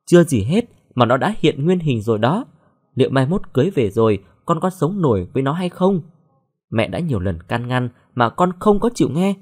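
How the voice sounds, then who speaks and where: A man voicing a blunt, sharp-tongued middle-aged mother in an audio story, scolding her daughter. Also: mid-range voice, sing-song, normal speed, husky.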